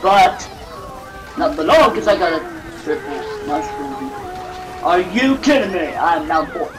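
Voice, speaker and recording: A man's voice: high-pitched, very animated, over music, poor audio. Joking young man playing a kart game. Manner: joking, rambling, quick laughs. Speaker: gamer recording a video. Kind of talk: casual gameplay chat.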